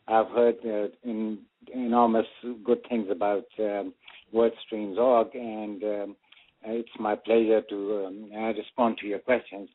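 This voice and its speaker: A man's voice: lowish voice, level tone, measured pace. An older man from Pakistan, a radio interview guest who rambles and hesitates with many fillers. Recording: phone-like radio audio.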